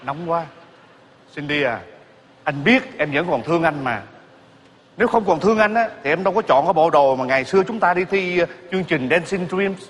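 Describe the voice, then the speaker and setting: A man's voice: fairly high pitch, animated, fairly quick. A man, acting in a stage comedy sketch, pleading and theatrical. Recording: live stage with loud music and audience.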